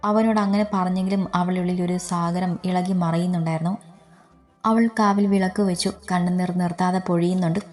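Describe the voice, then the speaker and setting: Low, even-toned woman storyteller. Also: brisk, soft background music. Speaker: story narrator. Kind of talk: scripted story narration.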